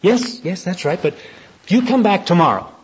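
A sleepy doctor, roused from bed, brushes off a visitor with short replies, as a preacher puts him on. His voice is husky. It sounds dull, like an old lo-fi tape. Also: high voice, expressive, normal speed, voice pushed up, exaggerated voice. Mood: curt. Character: sleepy doctor woken at night, curt. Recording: dull lo-fi recording.

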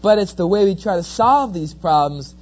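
With a high-sitting voice at a moderate pace, a middle-aged New Jersey man with a New Jersey accent preaches in sermon style, spinning folksy, joking stories as a lively storyteller. It's a dull lo-fi recording.

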